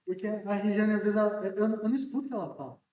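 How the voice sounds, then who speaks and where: A man preaching a sermon as pastor in a church, chatty and joking, asking his congregation questions and talking loudly because he is hard of hearing. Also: high-pitched, fairly even intonation, quick pace. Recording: echoey church room from a distance.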